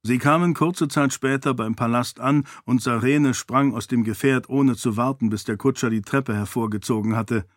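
A man narrating a fantasy audiobook in a steady, measured storytelling manner. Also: medium pitch, dry recording, studio quality.

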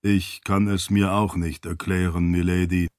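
A man reading an audiobook, voicing a loyal floating spirit servant who speaks in a measured, deferential way. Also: low voice, level tone, darkish tone, no echo, studio quality, pitched below the performer's own voice. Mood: calm. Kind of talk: audiobook character voice.

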